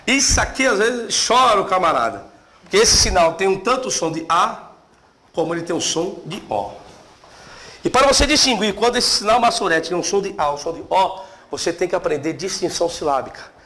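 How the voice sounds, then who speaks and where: A middle-aged man teaching theology in a seminary classroom, lively and questioning his students. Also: sits high, fairly quick. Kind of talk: classroom lecture.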